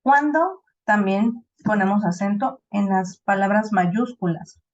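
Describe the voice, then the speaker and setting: A woman with a Mexican accent teaches a class, explaining step by step and pausing often to check that her students follow. Her voice sits at an ordinary middle pitch. The recording is dull and slightly lo-fi. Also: a little mellow. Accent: Mexican Spanish. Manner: explains slowly with many "¿no?" checks and restarts. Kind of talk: online class lecture.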